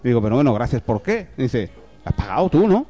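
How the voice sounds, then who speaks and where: A man from hosting a podcast, telling anecdotes in a lively, casual way with swearing and laughter. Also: mid-range voice, a little fast, soft background music. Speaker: podcast host. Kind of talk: casual chat, storytelling.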